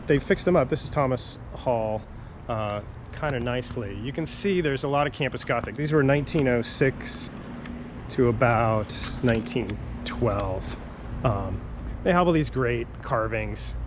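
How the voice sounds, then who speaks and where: A man working as a campus tour guide, talking informally and off the cuff in a halting, rambling way. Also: medium pitch. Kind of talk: casual unscripted walking tour commentary. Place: outdoors on a campus. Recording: noisy outdoor audio with traffic ambience.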